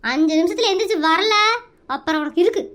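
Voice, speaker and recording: Cartoon comedy: performer as a frazzled, nagging mother, very high and fast, all threats and scolding. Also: fairly bright tone. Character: scolding frazzled young mother, shrill temper. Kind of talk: Tamil cartoon comedy dub.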